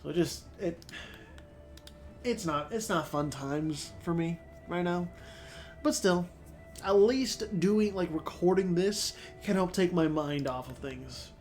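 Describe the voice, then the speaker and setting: Soft music plays behind a man whose high-pitched, darkish voice is animated but slow. Suffering from a sore throat and stuffy nose, he rambles casually about a strategy game in a let's-play, thinking aloud and using plenty of fillers.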